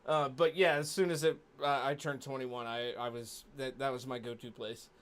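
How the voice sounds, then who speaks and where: A man's voice: medium pitch, fairly even intonation, moderate pace. A man in his forties, a stream co-host, chatting casually with easygoing, wry humor. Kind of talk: casual chat.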